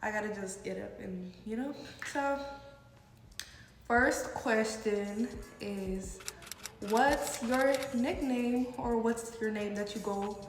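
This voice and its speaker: A woman's voice: fairly high pitch, slow, slight background noise. A young woman from the United States with a cold and a stuffy, blocked nose, chatting casually and informally as she answers questions for a vlog. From United States, partly New York City. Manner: informal, frequent "like". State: sick with a head cold. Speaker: video blogger. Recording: echoey reverberant room with music.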